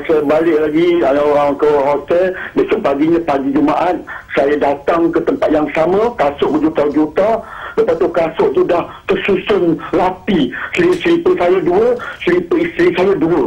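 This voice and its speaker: A Malaysian man calling in to a program, telling a personal story haltingly and repeating himself, heard over a telephone line. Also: fairly high pitch, a little mellow. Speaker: caller. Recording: muffled phone line.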